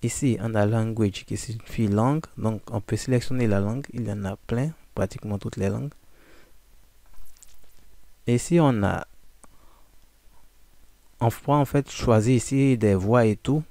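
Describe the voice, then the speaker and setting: A man giving a casual, informal software walkthrough, addressing the listener directly with frequent fillers. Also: on the low side, normal speed, pauses often, no echo. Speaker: software tutorial presenter. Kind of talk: casual screen-recording walkthrough.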